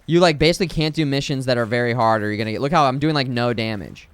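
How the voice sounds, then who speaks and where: A man's voice: medium pitch, rapid-fire, smooth, dry recording. A man co-hosting a gaming podcast, rambling casually and laughing often. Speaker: podcast co-host. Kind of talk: casual chat.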